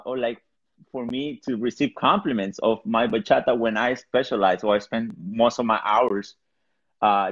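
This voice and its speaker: A man from Peru, chatting casually as an interview guest. He rambles loosely, with lots of fillers and restarts. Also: mid-range voice. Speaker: salsa DJ guest. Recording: dull lo-fi sound.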